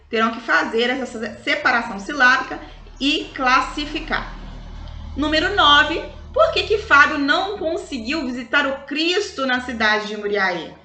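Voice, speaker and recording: A Brazilian woman teaching schoolchildren in a recorded review lesson, explaining slowly and stretching out example words in a sing-song way. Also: high-pitched, pushed and bright. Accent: Brazilian Portuguese. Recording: echoey room.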